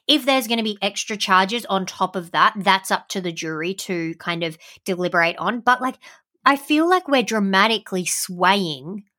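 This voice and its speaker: A woman's voice: mid-range voice, bright, forceful tone. A young adult woman co-hosting a podcast, chatting casually with lots of filler words. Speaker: podcast co-host. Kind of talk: casual chat.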